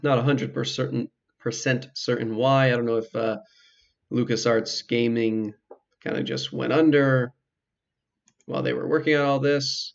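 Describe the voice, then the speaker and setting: A man hosts a video game playthrough, giving casual let's play commentary in a gravelly, medium-pitched voice that is a little slow and fairly even in intonation. The sound is slightly muffled, with game music behind him.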